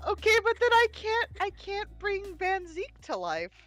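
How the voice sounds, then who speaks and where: A woman's voice: very high-pitched, wildly swooping pitch, a little slow, fairly bright tone, soft background music, rough recording. A woman hosting a game stream in casual chat, playful and giggly, grumbling now and then. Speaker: streamer host.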